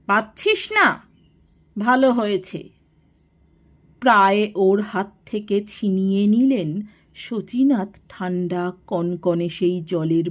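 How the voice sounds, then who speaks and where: Woman narrator for a classic story, slow, very expressive, somewhat muffled sound. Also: lowish voice.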